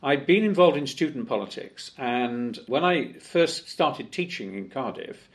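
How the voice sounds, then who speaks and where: In an office in Parliament, an older man from Wales answers in a conversational interview, animated and unhurried. His voice is mid-range and creaky, and his chatty talk is full of fillers and restarts.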